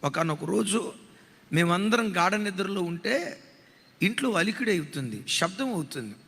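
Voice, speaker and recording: A man's voice: high voice, expressive, moderate pace, fairly bright tone, breathy edge, in a large hall. A man preaching a sermon with emotional, dramatic storytelling, acting out the voices of the people in his story. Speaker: pastor.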